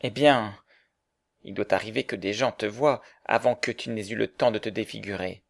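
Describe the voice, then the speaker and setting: Guy doing a jealous young lover, gravelly, pleading, fretting, audiobook. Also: fairly low pitch, normal speed. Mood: fretful. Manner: fretful, pleading. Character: anxious jealous young man in love. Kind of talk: dramatized audiobook reading.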